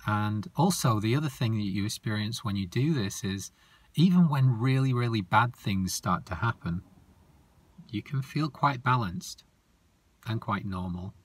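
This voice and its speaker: A man voicing a cheerful, calm male monster who explains things in a lively, earnest way. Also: on the low side, measured pace, breathy edge, no room sound.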